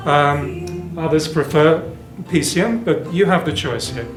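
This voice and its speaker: A slightly high-voiced man presents hi-fi equipment at an unhurried pace, explaining technical points in a casual but detailed way. The recording comes from a spacious indoor demonstration room at a hi-fi show, with music playing.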